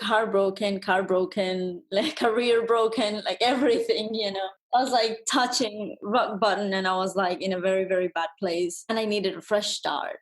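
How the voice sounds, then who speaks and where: A woman in her thirties from Colombia, a photographer telling her life story openly as a podcast guest. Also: medium pitch. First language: Spanish. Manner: candid, animated storytelling. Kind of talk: podcast interview.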